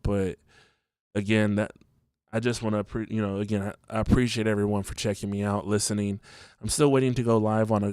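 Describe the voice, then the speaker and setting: Just out of bed and slightly congested from allergies, a man talks casually alone on his podcast at home, stumbling through ums and restarts. His voice is fairly low, darkish, and smooth. The sound is studio quality with no echo.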